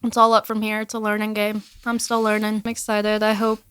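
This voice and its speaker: A woman's voice: medium pitch, completely flat delivery, brisk, a bit bright, smooth. A young woman hosting a podcast, chatting casually with her guest and encouraging him along with short replies. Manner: encouraging, frequent short backchannels and laughs. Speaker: podcast host. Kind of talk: casual interview chat.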